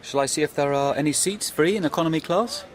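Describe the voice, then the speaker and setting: A man's voice: on the high side, quick pace, slight background noise, close to an everyday voice. A man playing a polite, businesslike airline ticket clerk in a scripted language-course dialogue.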